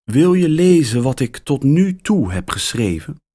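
A man reading a children's story aloud, voicing a mysterious, friendly woman horror writer who talks slowly and in a hushed, secretive way. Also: mid-range voice, sing-song, voice pushed up.

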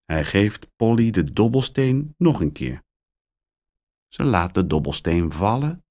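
Slow, expressive male storyteller. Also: on the low side. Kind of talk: children's story reading.

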